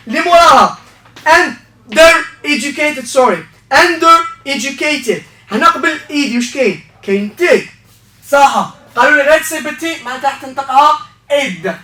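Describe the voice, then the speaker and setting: Algerian male teacher, quick and bright, reviewing for an exam; roomy sound with the mic some way off. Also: very high-pitched, distant mic. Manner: explains step by step, asks "okay?" often. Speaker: English teacher. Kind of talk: exam revision lesson.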